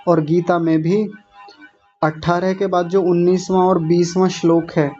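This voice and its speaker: A man teaching a class, drilling each word slowly syllable by syllable and correcting his learners' pronunciation. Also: high voice, flat delivery, darkish tone. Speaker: teacher of a Sanskrit recitation class. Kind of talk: online class teaching recitation. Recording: dull lo-fi sound with faint music.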